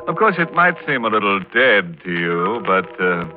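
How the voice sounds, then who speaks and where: An actor playing a sardonic, mock-friendly horror host in the vintage narrating style of 1940s radio, full of macabre jokes. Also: male voice, on the low side, very animated, normal speed. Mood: sardonic, ghoulish. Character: ghoulish, sardonic male host of a horror show. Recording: old tinny radio recording with music.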